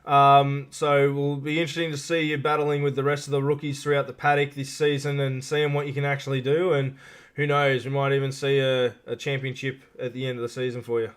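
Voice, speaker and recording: A man's voice: mid-range voice, little pitch movement, fairly quick, smooth. A man hosting a casual live interview show, matey and informal, feeling his way through questions.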